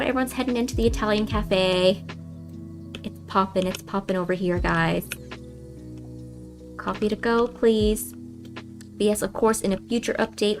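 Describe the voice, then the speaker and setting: Young woman streaming a game, mid pitch, rambly and chatty, lots of ums, keeps saying guys. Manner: chatty, rambling, many fillers and restarts, addresses viewers as guys. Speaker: livestream host. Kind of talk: casual storytelling during a game livestream.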